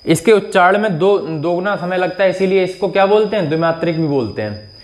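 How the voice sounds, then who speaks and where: Man, teacher, slightly high voice, explanatory, checks in often, stretches vowels to demonstrate. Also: lively intonation, a little fast. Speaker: Hindi teacher. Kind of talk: exam-prep grammar lesson.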